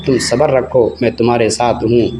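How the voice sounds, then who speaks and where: A man voicing a gentle young husband who speaks softly and affectionately. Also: medium pitch, little pitch movement, normal speed, noisy background, natural voice. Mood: tender. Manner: soft, affectionate.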